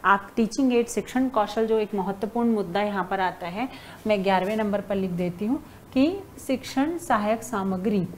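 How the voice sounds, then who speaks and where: A woman's voice: medium pitch, moderate pace. Lady teacher going through an online class, talks to students like her kids, writes on board as she goes, faint noise behind. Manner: addresses students as "beta", writing on a board while talking. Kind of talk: online exam-prep lecture.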